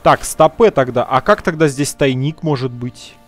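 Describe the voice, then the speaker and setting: A let's play gamer speaks at medium pitch with a fairly bright tone, soft music in the background. Casual and slangy, he calls viewers "guys" and mutters drawn-out musings to himself while playing.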